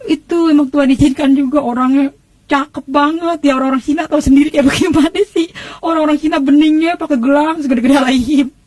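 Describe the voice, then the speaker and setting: A woman with a high, bright voice tells her personal testimony with emotion. She acts out the voices of the people in her story. The sound is dry and close. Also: steady tone, fast, no echo. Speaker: church testimony speaker.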